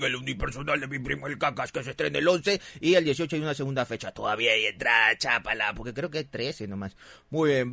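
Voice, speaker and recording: A man's voice: mid-range voice, gravelly, no echo. A young man with a Peruvian accent hosting a comedy podcast, retelling a listener's story with lots of swearing and acted-out voices. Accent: Peruvian Spanish. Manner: animated, swears often, acts out the people in the story with big voice jumps. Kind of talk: comic storytelling, live podcast.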